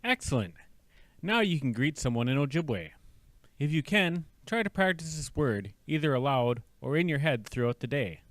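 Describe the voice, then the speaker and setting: A man's voice: a little high, expressive, a bit bright, no room sound. A man teaching a language lesson, patiently sounding out syllables and words for the listener to repeat. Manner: slow, drawn-out repetition of syllables.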